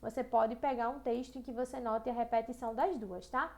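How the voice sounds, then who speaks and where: A woman with a Brazilian accent teaching an online lesson, chatty, checking in with "tá?" and "né?", reading verses slowly. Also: on the high side, fairly even intonation, a little mellow. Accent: Brazilian Portuguese. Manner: reads poems aloud slowly and rhythmically.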